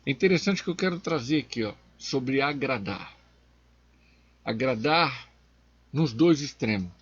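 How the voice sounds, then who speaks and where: A man teaching from the Bible as a deacon, speaking slowly and emphatically and pushing his voice up on key words. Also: medium pitch, animated, slightly rough, highs cut off. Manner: slow, emphatic, rising sharply on key words.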